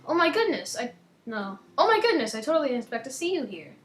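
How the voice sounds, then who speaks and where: A woman voicing a cheerful, popular young schoolgirl who talks sweetly and brightly. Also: high voice, very animated, fast, reverberant. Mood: sweet, surprised.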